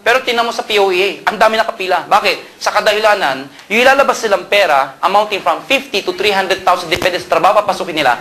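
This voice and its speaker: A man from Pangasinan giving a joking sales pitch at a marketing seminar, asking the audience questions and shouting punchlines. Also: quick pace, few pauses. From Pangasinan, Philippines. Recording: live event with loud crowd and noise.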